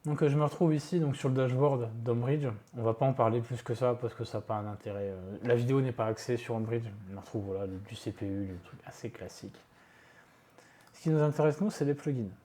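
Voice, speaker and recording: Speaking quickly in a dark voice of medium pitch, this man walks viewers through a relaxed screen-recorded tech tutorial from his home office. As a tech video creator, he rambles in a self-mocking way, full of fillers and side remarks.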